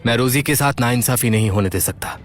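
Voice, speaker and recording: A righteous young scholar husband, played by a male dub actor, in a mid-pitched voice, firm and protective, lecturing on the law. Light music sits behind him. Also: brisk, lightly acted. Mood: reassuring. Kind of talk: Hindi dub of a drama.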